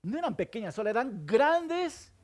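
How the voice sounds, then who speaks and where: This pastor is very animated as he preaches at a normal speed, repeatedly asking his listeners questions and answering them himself. His sermon moves between booming emphasis and quiet, low asides.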